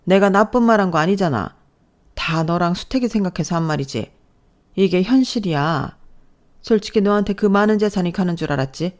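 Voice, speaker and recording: A woman's voice: fairly low pitch, animated, a little fast, a little mellow, lightly acted. A woman voicing a snobbish middle-aged mother-in-law who scolds and belittles her daughter-in-law in a scripted story narration. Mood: scolding.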